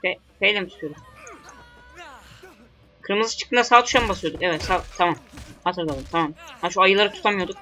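Bright-voiced young man grumbling over gameplay. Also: sits high, expressive, fairly quick, long pauses. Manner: grumbling, swearing, talking back at the game. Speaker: gamer. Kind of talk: let's play commentary.

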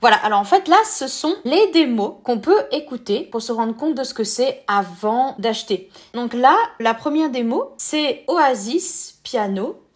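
Woman host, casual tutorial talk, slightly high voice, steady step-by-step explaining. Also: unhurried, hardly any pauses. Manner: step-by-step explaining with filler words.

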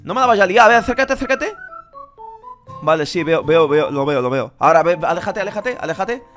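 Excitable young Spanish gamer man. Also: high voice, faint music behind. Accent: Spain Spanish. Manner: excitable, haggling, bursts into rapid repeated shouts. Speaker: gaming streamer. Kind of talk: live gaming commentary with voice chat.

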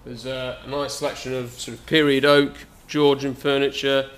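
A young auctioneer from England, speaking at normal speed in a medium-pitched voice with little pitch movement, previews his sale informally while walking a large indoor saleroom. He's chatty but hesitant with many fillers, and it's recorded on a camera mic.

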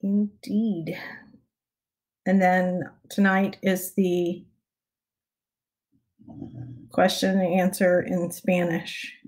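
Speaking extremely slowly with long pauses, a middle-aged woman with a Texan accent and a lowish, raspy voice from lack of sleep welcomes viewers to her prayer livestream. She's relaxed, chuckles softly, and clears her throat often. The poor audio comes via a clip-on lapel mic and webcam in her bookshelf-lined home study.

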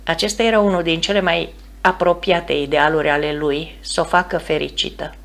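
A woman reads a novel aloud as an audiobook narrator, steady and measured. Her voice sits low, with a gravelly, creaky texture. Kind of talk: scripted narration.

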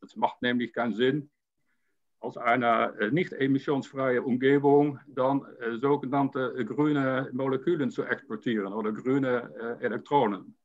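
This older man's medium-pitched voice keeps a fairly even intonation, though he halts often, repeating words and leaning on fillers. He's a panel guest on a video call, seated in a home room with a painting, captured by a webcam in dull lo-fi audio.

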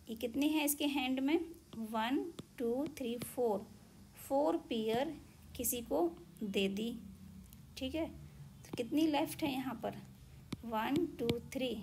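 A woman teacher giving a slow, patient counting lesson to young children. She counts objects aloud one by one and mixes English number words into her Hindi. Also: on the high side, gravelly, noisy background.

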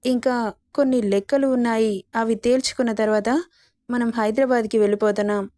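A woman's voice: on the high side, steady tone, brisk, mellow, no room sound, lightly acted. A woman reading a teasing young lover. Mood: coaxing. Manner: coaxing, playful.

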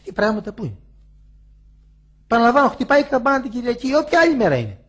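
An older man, a monastic elder, giving a spoken sermon full of rhetorical questions and emphatic repetition, with a husky voice. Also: extremely high pitch, huge pitch swings, a bit bright.

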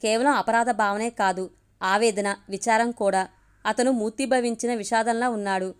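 A woman storyteller narrating an audiobook story in a calm, steady reading voice. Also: fairly high pitch, moderate pace, clear, resonant tone.

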